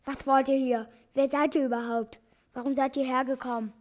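A woman voicing a shaggy, gruff old man in a storybook reading, loud and mocking. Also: sits high, little pitch movement, normal speed.

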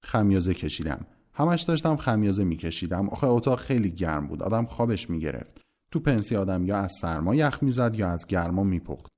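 A man's voice: deep voice, expressive, a little mellow. A man narrating a novel in the first person, in a casual, slangy, wry voice. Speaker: audiobook narrator.

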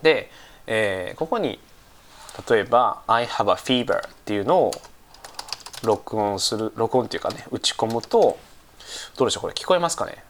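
A man teaching English in a casual lesson, slightly stuffy-nosed from a cold, speaking unhurriedly with many fillers and repeating phrases slowly. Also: on the low side, animated, a little hiss or hum.

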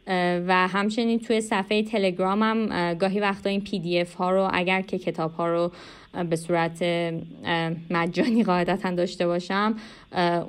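A young woman with an Iranian Persian accent talks as an interview guest. Her voice is clean and smooth, sitting a little low for a woman. She answers conversationally and reflectively, hesitating and stretching her pauses. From Iran. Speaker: interview guest, animation artist.

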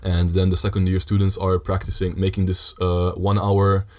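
Casting: young man, very low voice, flat intonation, casual podcast guest with halting, measured phrasing. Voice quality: deep voice. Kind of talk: casual chat.

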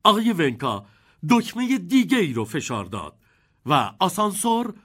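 A man narrating a children's storybook in an expressive, animated way. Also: sits high, slightly rough. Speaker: audiobook narrator.

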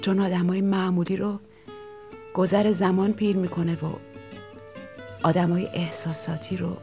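Gravelly-voiced woman reading a story softly. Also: lowish voice, level tone, faint music behind. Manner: soft, intimate, drops into whispers. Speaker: story reader. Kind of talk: scripted storytelling narration.

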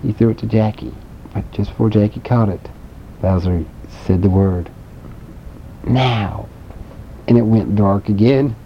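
Low-voiced man telling a playful story. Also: moderate pace. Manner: playful, with sound effects and questions to the listener. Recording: dull lo-fi home recording with faint rumble.

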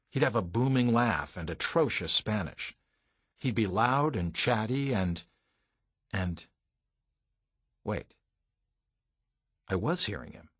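A man's voice: on the low side, a bit bright, slightly rough, no room sound. A man reading a first-person audiobook, telling the story in a dramatic, vivid way. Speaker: audiobook narrator.

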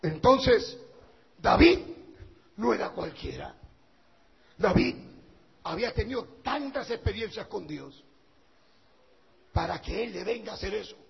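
A male pastor preaching a sermon with passion, swinging from quiet talk to shouting. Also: high voice, lively intonation, measured pace, creaky, long pauses, breathy edge. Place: church hall. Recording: dull lo-fi church recording with long reverb.

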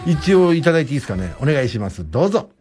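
A man hosts a late-night radio show from the studio, teasing and joking between laughs. His speech is quick and his pitch bounces all over the place. Music plays clearly beneath him. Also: very animated. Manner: jokey, teasing, laughs often. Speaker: radio host. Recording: studio broadcast with music underneath.

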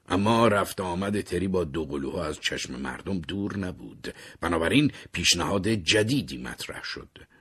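Very deep, husky male storyteller. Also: a bit bright. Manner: measured, dropping to unvoiced whispers in tense moments. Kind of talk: scripted story narration.

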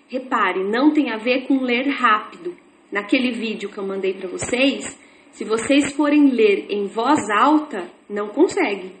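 A woman teaching an informal online class, explaining with repetitive, chatty everyday examples. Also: fairly high pitch. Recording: echoey room with faint noise.

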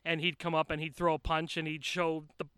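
A man's voice: a little high, monotone, a little fast, pushed and bright, smooth, dry recording, studio quality. An American man telling anecdotes informally as a podcast guest, joking and repeating words for emphasis, recorded outdoors. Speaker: podcast guest, wrestler and manager. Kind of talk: casual anecdotal storytelling. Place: outdoors in a shaded backyard.

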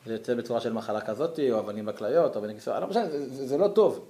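A man giving a lively Torah lesson to a class, acting out angry letters with sudden high outbursts. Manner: animated, acts out angry letters, jumps high in pitch. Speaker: Torah teacher. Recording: echoey room.

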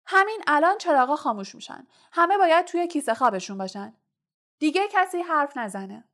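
A woman reading a storybook voices a pompous teenage boy prefect who shouts orders at the other students. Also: sits high, expressive, voice pushed up. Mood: bossy.

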